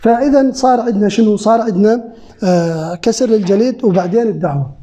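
Fast, high-voiced sales trainer. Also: male voice, dark tone. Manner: asks the room questions, repeats key phrases. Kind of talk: lecture to a live group. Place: training center lecture room. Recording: muffled lo-fi recording.

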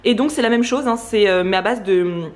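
This vlogger co-host is a young woman with a medium-pitched voice who speaks fairly quickly. Standing in her home kitchen, she chats lively and casually to the camera, explaining breakfast as she makes it.

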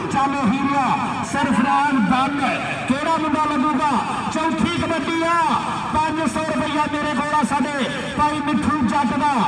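A Pakistani Punjabi man giving exclamatory live kabaddi commentary over a loudspeaker, repeating names and calling directly to players. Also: very high-pitched. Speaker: kabaddi match announcer. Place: open village ground with a large crowd. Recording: echoing outdoor loudspeaker, distant, loud crowd noise. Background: crowd and outdoor noise.

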